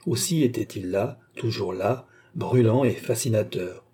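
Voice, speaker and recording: A man narrating a classic novel with a husky, slightly breathy voice. His tone is dark and mellow rather than bright. He reads in a measured, declamatory way, like a literary audiobook. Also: fairly low pitch.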